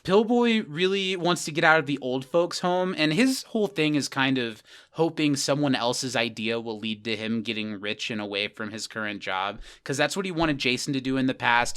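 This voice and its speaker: Male podcast co-host, smooth clear voice, lively recapper who slips into character voices. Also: medium pitch. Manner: animated recapping, acts out characters' lines. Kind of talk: casual rewatch podcast chat.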